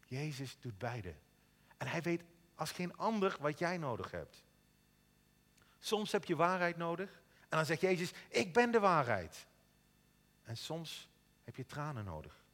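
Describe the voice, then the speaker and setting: Earnest male preacher, fairly high and very animated, in a reverberant church hall. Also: measured pace, long pauses. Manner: earnest, animated, stammers on repeated words. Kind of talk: sermon. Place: church in Eindhoven.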